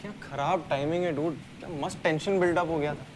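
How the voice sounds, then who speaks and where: A man's voice: on the high side, steady tone, rapid-fire, noisy background, lightly acted. An actor playing a young man who confronts his girlfriend, in Indian English mixed with Hindi. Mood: probing. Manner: probing, mixes Hindi and English. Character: young man, hurt and suspicious boyfriend. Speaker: boyfriend. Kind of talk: web series dialogue.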